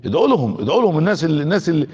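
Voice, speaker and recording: A man's voice: fairly high pitch, very animated, racing, dark tone, slightly rough. A man with an Egyptian accent preaching a colloquial sermon, throwing rhetorical questions at his listeners and often restarting his words. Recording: dull sound with long hall reverb.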